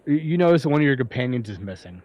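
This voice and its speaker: Halting man narrating as game master. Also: medium pitch, sing-song, a little mellow, muffled recording. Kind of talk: improvised tabletop game narration.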